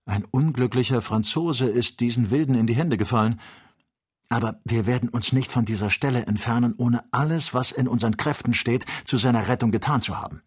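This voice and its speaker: A man voicing a calm, authoritative doctor who leads an expedition, speaking in a measured, reasoning way. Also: mid-range voice, husky, close to an everyday voice. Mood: calm, firm.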